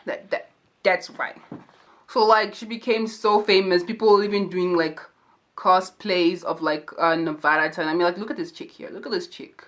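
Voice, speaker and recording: A woman's voice: fairly low pitch, steady tone, moderate pace, fairly bright tone. A young woman telling a true crime story to camera in a casual, chatty way, full of "like" fillers and slangy asides. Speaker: true crime and makeup YouTuber.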